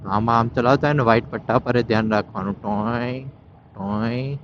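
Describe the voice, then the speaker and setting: Fast and a bit bright in his mid-range voice, this vlogger narrates casually from his motorbike in city traffic. He tells off drivers going the wrong way and mixes in Hindi phrases, captured in dull lo-fi audio with faint traffic in the background.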